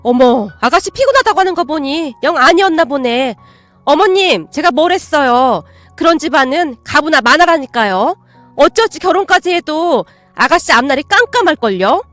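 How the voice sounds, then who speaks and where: A tactless, nosy sister-in-law chatters on in a high, needling voice, as a woman puts her on. Her pitch swings widely, turning shrill, with a dry sound and faint music underneath. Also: expressive, normal speed, fairly bright tone, dry recording.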